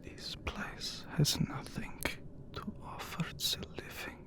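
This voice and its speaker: A man voicing a haughty, courtly, immortal vampire count in a breathy, whispered ASMR roleplay, with formal, archaic phrasing. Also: takes it slowly, close to an everyday voice. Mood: cold warning.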